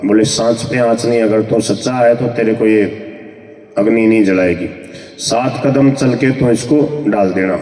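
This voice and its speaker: A man's voice: on the low side, fairly even intonation, measured pace, a little mellow, far from the mic. A man telling a parable in a satsang sermon, acting out the story's people as he quotes them. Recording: echoey hall, picked up from afar.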